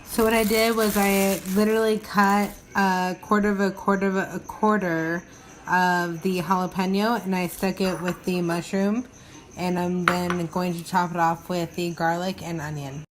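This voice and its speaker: A woman's voice: on the low side, fairly even intonation, moderate pace. Woman narrating home cooking over noisy sizzle. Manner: informal, step-by-step explaining. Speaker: home cook presenting a recipe. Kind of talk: casual cooking vlog narration. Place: home kitchen. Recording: noisy kitchen with frying sizzle. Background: food frying and sizzling.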